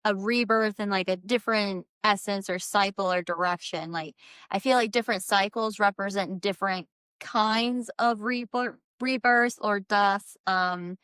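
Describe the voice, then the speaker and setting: A woman's voice: medium pitch, measured pace, fairly bright tone, clear, resonant tone, no echo. A woman talking in a casual, meandering vlog style as a maker presenting handmade work, with an earnest, spiritual way of explaining and frequent filler words. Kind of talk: casual rambling product vlog.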